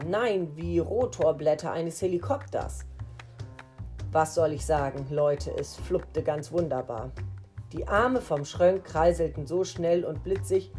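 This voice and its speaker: Woman reading a children's story, low voice. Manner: lively, playful storytelling. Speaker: teacher reading aloud to pupils.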